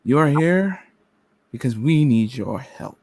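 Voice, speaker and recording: A man's voice: mid-range voice, lively intonation, darkish tone, no echo. Man playing formal, menacing Agent Smith, dry sound. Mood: measured, formal. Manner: slow, deliberate, formal. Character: cold, menacing government agent interrogating a suspect. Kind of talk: amateur radio play script reading.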